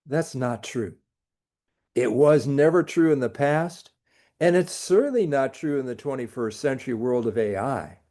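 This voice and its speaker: A man's voice: medium pitch, lively intonation, moderate pace, dark tone. A middle-aged man, a college professor, giving a recorded lecture with dry, sarcastic jokes. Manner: dry jokey asides, sarcastic.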